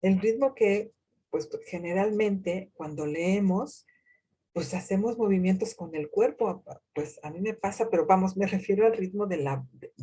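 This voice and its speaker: Slow, husky-voiced woman lecturer. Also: lowish voice, dark tone. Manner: deliberate, poses rhetorical questions, frequent hesitations. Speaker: university lecturer. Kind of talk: recorded lecture on reading comprehension.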